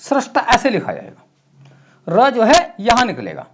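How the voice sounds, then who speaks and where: A man with an unusually high, lively voice teaches a classroom lesson for exam students. He writes on a board as he talks and repeats key words slowly and clearly. His pitch swings widely between words.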